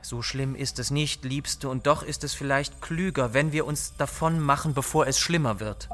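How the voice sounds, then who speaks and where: A man's voice: mid-range voice, normal speed, fairly bright tone, close to an everyday voice. A male audiobook narrator voicing a grim, scheming member of a secret society, talking in an urgent, conspiratorial way. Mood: earnest, urgent.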